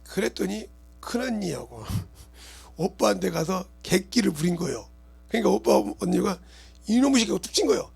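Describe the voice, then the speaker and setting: Middle-aged male pastor preaching, high and lively pitch, shouts, then drops low, quizzes the congregation. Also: normal speed, gravelly, husky, faint music behind. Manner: swings from loud shouting to quiet murmurs, asks the congregation questions. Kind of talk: sermon.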